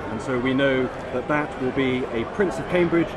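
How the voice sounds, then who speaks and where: A man giving live news commentary as a royal correspondent, explaining things in a measured way. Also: mid-range voice. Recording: loud crowd and street noise. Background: cheering crowd, outdoor city noise.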